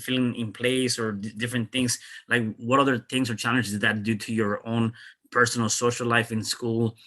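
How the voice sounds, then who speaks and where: Bright-voiced male podcast host, halting. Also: medium pitch. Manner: halting, many fillers and restarts. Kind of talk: interview.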